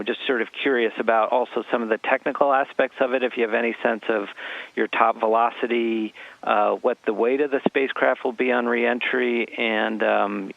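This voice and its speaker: A man with a gravelly, slightly creaky voice asks polite, hesitant questions, with frequent fillers between his thoughts. His voice arrives over a dry, tinny, phone-like radio link with a narrow band. Nothing of a room is heard around him. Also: mid-range voice, no echo. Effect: heard over a radio link to space. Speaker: newspaper reporter interviewing astronauts.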